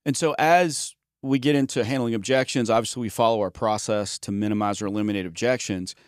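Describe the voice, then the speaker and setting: Low-voiced man in casual sales chat. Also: a little fast, smooth, no room sound, studio quality. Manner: folksy, joking, trails off and restarts words. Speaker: podcast co-host and sales trainer.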